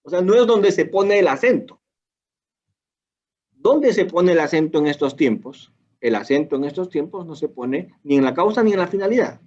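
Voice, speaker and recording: Peruvian male law lecturer, husky, talks through rhetorical questions and casual asides; dull, lo-fi sound. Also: medium pitch, a little mellow. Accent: Peruvian Spanish. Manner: asks and answers his own rhetorical questions; colloquial asides.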